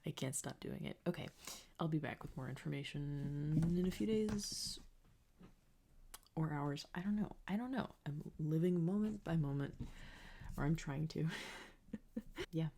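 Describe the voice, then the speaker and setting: A young woman whispers into a close desk microphone in her bedroom, rambling and self-deprecating. Her low voice is breathy and full of vocal fry, with a dark, mellow tone. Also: measured pace, pauses often, a little hiss or hum. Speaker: music student keeping a video diary. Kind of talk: whispered diary vlog. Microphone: close condenser desk mic.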